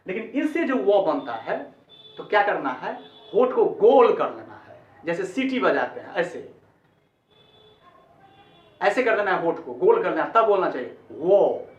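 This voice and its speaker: A man's voice: sits high, sing-song, moderate pace, pauses often. A man teaching English pronunciation in a lesson, repeating each sound several times and calling the viewers friends. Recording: echoey, distant, dull lo-fi sound.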